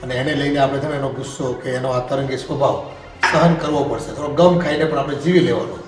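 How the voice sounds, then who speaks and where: A man's voice: mid-range voice, quick pace, soft background music, natural voice. A man playing a patient middle-aged father. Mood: advising. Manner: calm, advising. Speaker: father-in-law in family drama. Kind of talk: Gujarati family drama acting. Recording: echoey room.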